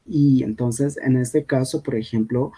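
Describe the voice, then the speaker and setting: A man's voice: mid-range voice, steady tone, mellow, slightly rough. A man whose first language is Kogui teaching a language lesson over slides, often checking in with the listener. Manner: unhurried, checks in with frequent "¿sí?".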